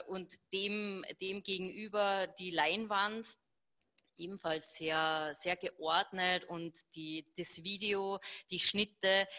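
A woman moderating a panel talk, halting with many fillers and restarts. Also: on the low side, pushed and bright.

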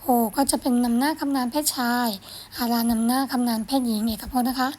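A woman teaching French, reading phrases slowly and carefully, then explaining them quickly in a gentle, encouraging way. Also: a little high, steady tone. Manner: gentle, encouraging, ends phrases with polite particles. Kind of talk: explaining a French lesson in Thai.

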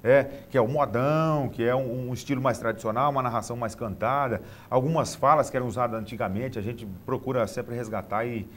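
The voice belongs to a middle-aged Brazilian man, a rodeo announcer standing for an interview in a TV studio. He talks fairly quickly with hardly any pauses, in a medium-pitched, fairly bright tone, casually repeating small words while searching for phrases, over a faint hiss or hum.

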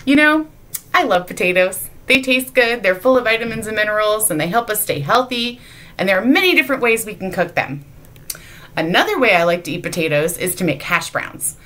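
A woman's voice: mid-range voice, expressive, a little fast, fairly bright tone. A woman giving a playful children's object lesson in church, teasing and asking her young audience questions. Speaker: children's sermon leader. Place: church sanctuary.

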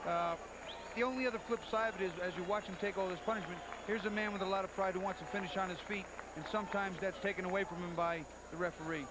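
A man with a high, quick voice breaks down a boxing match in a conversational, plain-spoken way. Loud arena noise fills the old TV broadcast behind him. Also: fairly even intonation. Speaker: boxing analyst. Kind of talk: conversational sports commentary. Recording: noisy old TV sports broadcast. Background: loud arena ambience.

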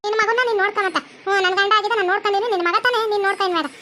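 A woman's voice: very high voice, fairly even intonation, pushed and bright, a little hiss or hum. A woman voicing a fierce, foul-mouthed young daughter-in-law in a cartoon, hurling insults in a North Karnataka Kannada accent. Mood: defiant. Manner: defiant, insulting, rapid. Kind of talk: cartoon voice acting.

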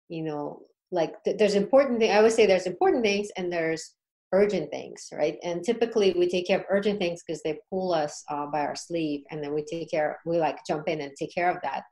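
A podcast guest with a lowish, darkish voice recounts her experience at a normal speed. Her storytelling is casual and informal, punctuated by frequent check-in questions.

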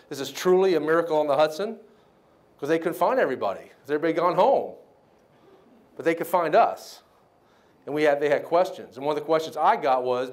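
A middle-aged man from the United States giving a keynote speech at a banquet. He tells a story with lively quoted voices and keeps checking in with the crowd. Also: fairly high pitch. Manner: animated storyteller, acts out quotes, asks the crowd "right?". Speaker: keynote speaker.

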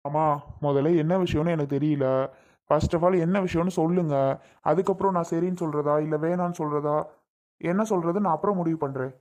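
A man's voice: a little high, fairly even intonation, brisk, a little mellow, lightly acted. A man playing a young husband and father who is defiant and heated, firing repeated questions, in a family drama skit. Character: young husband, protective and hot-tempered father.

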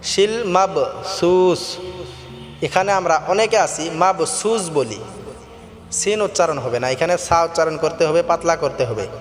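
A man teaching Quran recitation rules, slowly chanting verses in a melodic voice, then explaining pronunciation in quick plain speech. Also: fairly high pitch, animated, in a large hall. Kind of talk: tajweed lesson alternating chanted recitation and quick spoken explanation.

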